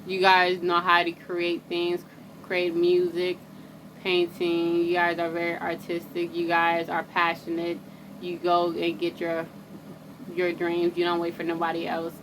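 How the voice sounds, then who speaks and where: A woman with a low, level voice talks casually to her camera in a loose, slangy way, stopping and restarting her thoughts. Her speech sits in a low register and hardly rises or falls. Steady background noise and passing traffic are clearly heard behind her. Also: measured pace, rough recording. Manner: loose and rambling, breaks off and restarts, laughs at herself. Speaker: astrology vlogger. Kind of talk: casual rambling chat to camera.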